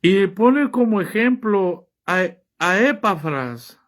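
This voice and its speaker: Guy with a high voice preaching, reads bible verses then throws questions at the crowd. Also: expressive, measured pace. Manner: fires rhetorical questions at listeners; reads scripture aloud and comments on it. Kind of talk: sermon.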